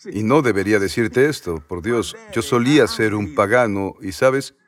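Lively man preaching through stories. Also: fairly low pitch, moderate pace. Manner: lively storyteller, acts out quoted voices, asks the audience rhetorical questions. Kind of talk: sermon with personal storytelling.

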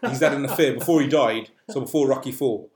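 A man chats as a podcast host, wandering through his thoughts with plenty of uhs and restarts. His voice sits in a middling range. The room gives a clear echo. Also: medium pitch, fast talker, crowd noise. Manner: rambling, full of uh and restarts. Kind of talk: casual chat. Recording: echoey room.

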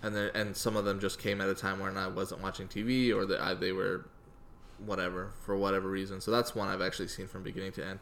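An easygoing man with a low voice co-hosts a podcast. He chats casually, hedges his claims, and draws his partner out with questions. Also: little pitch movement, fast talker, a bit bright, slight background noise. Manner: easygoing, hedging, asks questions. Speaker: podcast co-host. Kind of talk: casual chat.

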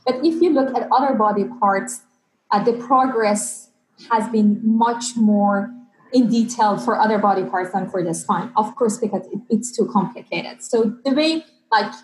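A woman in her thirties from Iran, a PhD student answering interview questions in a conversational, slightly halting way. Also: medium pitch, darkish tone, a little hiss or hum, low-quality recording. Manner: earnest, slightly halting non-native phrasing with fillers. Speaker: guest, PhD student in biomechanics.

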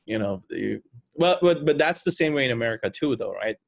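A man's voice: medium pitch, animated, brisk, creaky. A man co-hosting a podcast, chatting casually and throwing in joking, wry asides.

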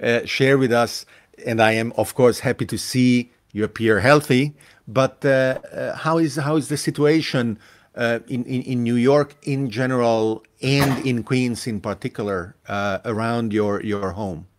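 A man hosting a live online talk show. He speaks slowly and haltingly, pausing often on filler sounds as he introduces his guest and asks questions. His voice sits at a middle pitch. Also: steady tone. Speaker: host.

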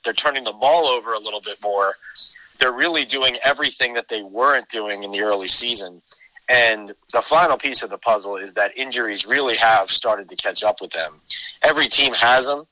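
A man's voice: medium pitch, fairly quick, sharp tone, low-quality recording. A man giving conversational sports analysis as a podcast guest, explaining his case point by point.

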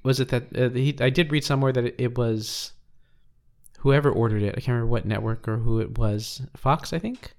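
A mid-pitched man from the United States co-hosts a casual podcast. He thinks out loud and often backs up to rephrase as he hunts for the right words. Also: fairly quick. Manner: hesitant, restarts while searching for words. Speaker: podcast co-host. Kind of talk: casual chat.

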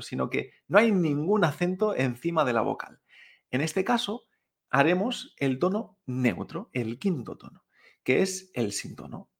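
Encouraging male teacher with a gravelly voice. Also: fairly high pitch. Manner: patient, encouraging, models each tone aloud; frequent tag questions like "¿vale?" and "¿eh?". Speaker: Mandarin pronunciation teacher. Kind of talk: podcast lesson.

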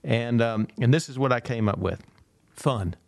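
A middle-aged man tells a story in an animated way, acting out the voices of the people in it and laughing often. His voice sits at an ordinary pitch for a man. The sound is dry and close, with no room echo. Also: moderate pace, creaky. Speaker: speaker and former football coach. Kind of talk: storytelling in a podcast conversation.

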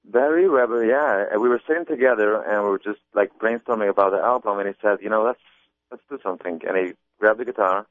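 Halting low-voiced man on a phone line. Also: no echo. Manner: hesitant, many restarts and repeated words. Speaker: comedy album artist. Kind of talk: casual interview talk. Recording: muffled phone-line sound.

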